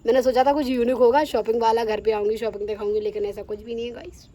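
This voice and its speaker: A young woman chatting casually to her vlog viewers, teasing and animated. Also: fairly high pitch, fast. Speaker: vlogger.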